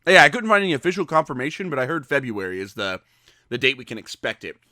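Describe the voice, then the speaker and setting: A man co-hosting a podcast, chatting casually and weighing his opinions out loud. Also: medium pitch, quick pace, no echo, clean studio sound. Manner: thoughtful, hedging. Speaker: podcast co-host. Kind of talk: casual chat.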